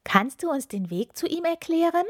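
A woman's voice: extremely high pitch, big pitch swings, moderate pace, no echo, studio quality, voice pushed up. A woman voicing a thoughtful young witch girl with a raised, questioning voice. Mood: inquiring.

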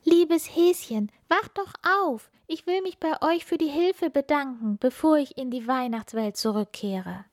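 A woman voicing a bright, eager young girl who is a star child in a children's Christmas story, speaking high and heartfelt. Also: measured pace, hardly any pauses, no room sound, clean studio sound. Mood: grateful.

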